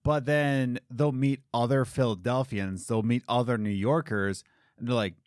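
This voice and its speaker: A man hosting a podcast in casual chat, lively and quick to laugh. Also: medium pitch, no room sound, studio quality. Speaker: podcast host.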